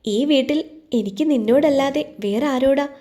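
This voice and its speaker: A woman plays a young storybook heroine carrying a hidden heartbreak. She talks gently and teases softly, her voice a little high and mellow. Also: normal speed, natural voice. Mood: wistful. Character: young woman, wounded but teasing, hiding heartbreak.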